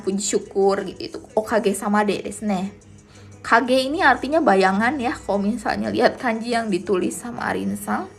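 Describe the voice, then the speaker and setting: A woman teaching Japanese on a live stream, chatting casually with viewers as she explains each answer slowly. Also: mid-range voice, creaky, husky.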